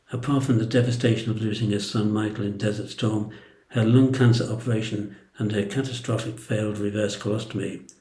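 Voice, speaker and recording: An older man with an English accent reads a tender eulogy. His voice is fairly low and mellow, with a soft, dark tone. The delivery is solemn and measured, and the room around him echoes. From England. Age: older, 60s or above. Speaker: brother giving a eulogy. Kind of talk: prepared eulogy, read aloud.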